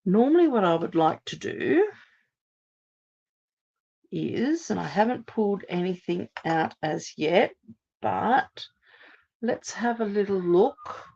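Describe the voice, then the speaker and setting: At her craft table, an Australian woman with a slight post-laryngitis hoarseness demonstrates card-making live in a chatty, step-by-step way. Her mid-range voice moves slowly with long pauses, captured on a muffled recording.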